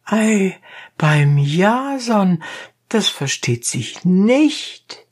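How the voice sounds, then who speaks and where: A reader putting on a shrill, stubborn donkey driver. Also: expressive, gravelly, full character voice. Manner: high, drawn-out, pedantic insistence. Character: stubborn male donkey driver, defiant and cool. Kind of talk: audiobook narration.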